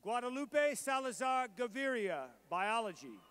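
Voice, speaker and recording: The name reader at this college commencement is a man with a strikingly high, clear and resonant voice. Graduate after graduate, he reads names and programs in a careful, formal, evenly paced roll call.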